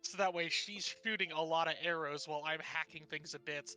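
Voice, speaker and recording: A man's voice: fairly high pitch, steady tone, brisk, pushed and bright, faint music behind. A man playing in a tabletop game, enthusiastically explaining his character's abilities in detail. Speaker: player.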